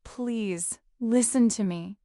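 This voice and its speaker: Woman reading as a frail old lady, shaky and breathy, pleading, dry close sound. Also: a little high, slow pace, mellow, no echo. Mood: urgent pleading.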